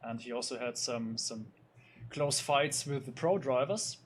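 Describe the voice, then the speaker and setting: A man's voice: mid-range voice, a little slow, slight background noise. A man commentating a sim racing league, loosely going over the results with many fillers and restarts. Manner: loose, hesitant, lots of fillers. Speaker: race commentator.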